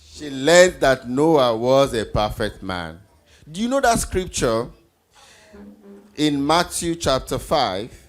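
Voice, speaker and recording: A very animated man with a medium-pitched voice leads children's Bible trivia from a stage, taking it slowly. He prompts the kids with questions, repeats their answers, and keeps his teaching encouraging.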